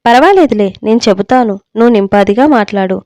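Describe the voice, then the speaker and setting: Lady doing a joking retired dad in a storybook, smooth voice, dry sound. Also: a little high, animated, fast, darkish tone, no room sound, lightly acted. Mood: relieved. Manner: dry, wry humor. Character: retired older father, wry and dryly joking. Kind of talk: storybook reading.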